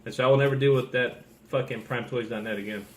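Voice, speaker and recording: A man's voice: mid-range voice, steady tone, fast talker, slight background noise. A man giving a casual, opinionated rant as a collector, blunt and disgruntled, with frequent swearing. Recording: echoey room.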